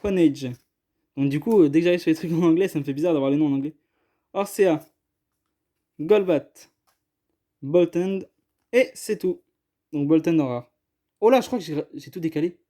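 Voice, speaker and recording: A man's voice: fairly high pitch, normal speed, long pauses, warm tone. Hesitant, apologetic man unboxing cards. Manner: apologetic, hesitant, self-deprecating. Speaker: YouTuber opening trading card boxes. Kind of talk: casual unboxing chat.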